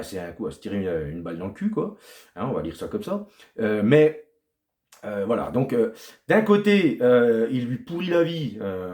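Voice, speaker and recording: Animated man rambling a film review. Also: mid-range voice, echoey room. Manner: rambling, animated, repeats words for emphasis. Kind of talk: casual spoken film review.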